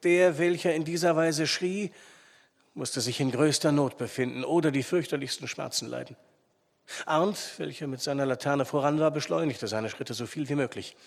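A man reading an old adventure story aloud in a measured, expressive storytelling manner, in reverberant sound. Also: on the high side, creaky. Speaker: audiobook reader. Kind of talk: audiobook narration.

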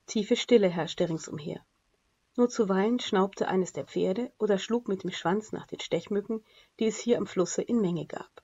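A woman reading an adventure novel aloud as an audiobook narrator, in an even storytelling manner. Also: medium pitch. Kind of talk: scripted narration. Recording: dull lo-fi recording.

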